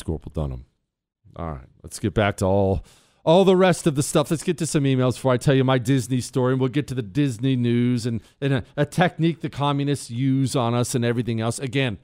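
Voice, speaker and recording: A man's voice: medium pitch, a little mellow, dry recording, studio quality. Emphatic American talk radio man. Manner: emphatic, repeats phrases for effect. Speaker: radio talk show host. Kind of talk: casual opinionated monologue.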